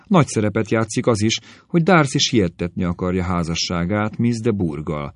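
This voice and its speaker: A man voicing a smooth, ingratiating young male officer in a read-aloud novel, low-voiced and lively in pitch. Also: no room sound, studio quality, natural voice. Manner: ingratiating, guarded.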